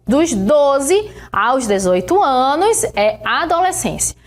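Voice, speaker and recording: A woman's voice: high voice, a little hiss or hum. A woman teacher with a Brazilian Portuguese accent giving a recorded science lesson, explaining step by step and often checking in with her students. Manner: explains slowly, checks in with "né?" and "tá bom?".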